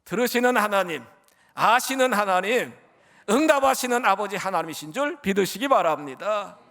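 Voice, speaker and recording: A male pastor preaching a sermon with passion, swinging from shouts to near-whispers and calling out to the congregation. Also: high voice, expressive, normal speed. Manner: keeps addressing the congregation.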